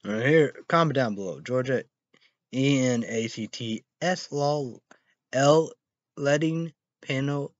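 A man in his thirties, mid-range in pitch, hosts a rambling solo vlog of weather and news headlines, reading them in halting fashion with repeated phrases, spelled-out words and sudden loud exclamations. He sits in a small, dim indoor room. The dull, lo-fi webcam audio, captured by a webcam or laptop mic at arm's length, has no room sound.

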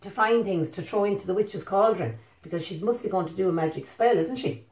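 An Irish woman in her thirties, a preschool storyteller, reads a children's story expressively and pauses for simple questions to young listeners. Her medium-pitched voice is a little mellow and moves a little fast. She's recorded indoors in an echoey living room on a phone or webcam held about arm's length away.

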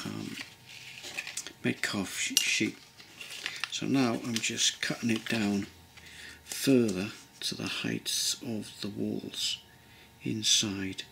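A middle-aged English man giving a relaxed modelling tutorial at his workbench, thinking aloud with many pauses and ums. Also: fairly low pitch, vocal fry, slight background noise. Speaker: model railway builder. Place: workbench at home.

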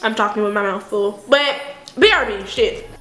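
A woman's voice: mid-range voice, moderate pace, a bit bright, roomy sound. A young Texan woman vlogging in her kitchen, chatty and casual, swearing freely and saying y'all. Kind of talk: casual vlog chat. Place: home kitchen.

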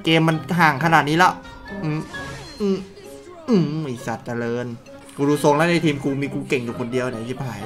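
A man calling his own mobile game match, swearing, teasing, and yelling at his teammates. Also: fairly high pitch, fairly quick, over music. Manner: loud, crude, joking, shouts at teammates. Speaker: gaming streamer. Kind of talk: excited live game commentary.

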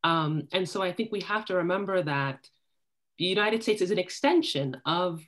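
A woman speaking on a panel over a video call, building her points slowly and tagging them with "right?". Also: on the low side, expressive. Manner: thoughtful, tags points with "right?". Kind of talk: academic panel discussion. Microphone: laptop video call.

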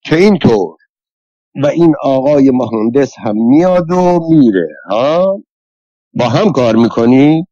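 A man voicing a stern, suspicious army colonel who questions loudly and commandingly. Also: mid-range voice, animated, few pauses, no echo, voice pushed up, lightly acted. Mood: accusing. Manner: commanding, loud interrogating tone. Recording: dull, lo-fi dry recording.

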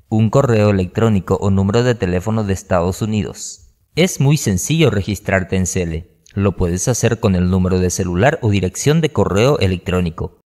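Deep-voiced man reading a steady voice-over. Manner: even, steady reading with no fillers or slips. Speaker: explainer video narrator. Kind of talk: scripted narration. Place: voice-over over whiteboard animation and stock footage.

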